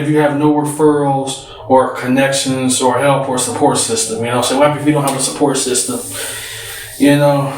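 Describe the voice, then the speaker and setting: Man vlogger, winded, rambling casual talk, roomy distant recording with faint background noise. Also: mid-range voice. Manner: rambling, frequent "you know what I'm saying". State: out of breath.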